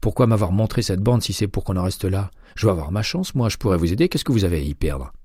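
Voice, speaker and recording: A man reading an audiobook, voicing a sharp, persistent retired male FBI agent who presses with insistent questions. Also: sits low, animated, fast, husky, dry recording, clean studio sound. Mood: impatient.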